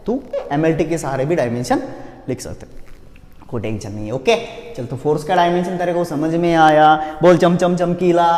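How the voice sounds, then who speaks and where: A fairly high-pitched male physics teacher gives a playful lecture. He keeps asking questions and then answers them himself the way his students would. The room is echoey, with a long reverb tail. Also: darkish tone. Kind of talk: classroom-style lecture.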